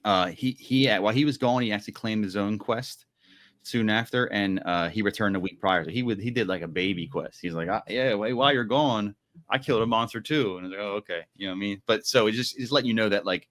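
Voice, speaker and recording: A man's voice: on the low side, fairly bright tone. A man co-hosting a podcast, recapping a book in rambling casual chat full of "like" and "you know". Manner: rambling, many "like"s and "you know"s, quick acted quotes. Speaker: podcast co-host.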